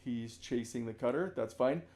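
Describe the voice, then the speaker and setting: A man's voice: mid-range voice, normal speed. Man coaching through game film. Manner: conversational, restarts sentences, shouts demo calls. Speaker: basketball coach. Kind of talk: film breakdown commentary.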